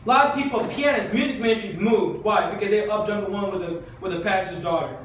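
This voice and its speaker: High-voiced man preaching in an echoing hall. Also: quick pace, a little hiss or hum. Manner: impassioned, repetitive exhortation. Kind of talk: sermon. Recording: very echoey church hall from far off.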